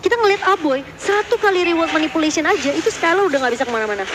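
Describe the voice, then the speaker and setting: A woman with an Indonesian accent giving excitable live esports match commentary as play-by-play caster, drawing out words in big moments. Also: extremely high pitch, rapid-fire, noisy background.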